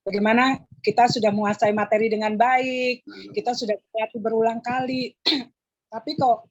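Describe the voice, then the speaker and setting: A woman's voice: flat delivery, fairly quick, no echo. An Indonesian woman from Surabaya teaching public speaking to a group of women, chatty and repetitive, with frequent fillers and "ya" tags. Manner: many fillers and "ya" tags, repeats phrases. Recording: dull, low-fidelity audio.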